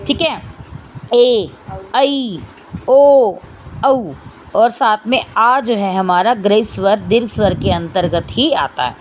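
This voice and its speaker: Woman teacher, fairly high voice, drawn-out example sounds, noisy recording. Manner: asks questions and answers them herself; says vowel sounds aloud, drawn out. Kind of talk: classroom lesson.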